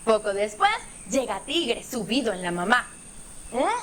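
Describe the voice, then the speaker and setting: A woman storyteller reading a children's bedtime story aloud, animated, with playful sound effects. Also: medium pitch, normal speed, slight background noise.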